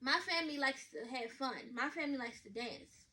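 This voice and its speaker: A woman, reacting to a story in blunt, sassy, animated casual commentary. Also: sits high, a little fast, slight background noise. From Baltimore, USA. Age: 20s. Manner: blunt, sassy, loud and animated with slang and swearing. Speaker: vlogger reacting to a reader's story.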